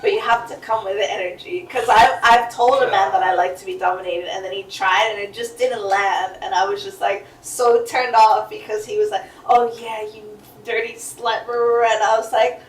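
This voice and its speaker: A woman's voice: medium pitch, steady tone, moderate pace, hardly any pauses. A young adult woman talking casually and candidly as an interview guest, laughing often and using lots of filler words. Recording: roomy, distant mic, faint noise.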